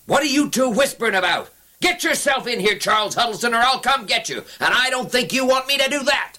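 A man's voice: very high voice, animated, brisk, sharp tone, exaggerated voice. A man playing a harsh, bullying father in an audio drama, barking threatening orders. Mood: angry, menacing. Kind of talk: children's audio drama acting.

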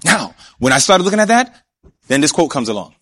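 A man preaching a sermon, emphatic, often asking his listeners questions and slowing down to stretch key words. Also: fairly high pitch, sing-song, fairly bright tone. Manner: emphatic, asks the audience questions.

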